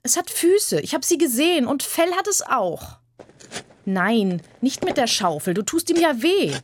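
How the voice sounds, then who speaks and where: Woman doing a shrill, excited little girl. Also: measured pace, a little hiss or hum. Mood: pleading. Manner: high breathless calling, urgent. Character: excitable young girl, eager and pleading. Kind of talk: audiobook character voice.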